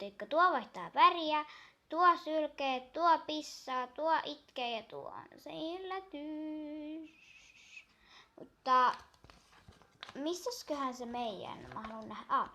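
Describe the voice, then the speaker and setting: A young girl chatting casually while unboxing a toy, gushing and excitable, counting down aloud. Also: high-pitched.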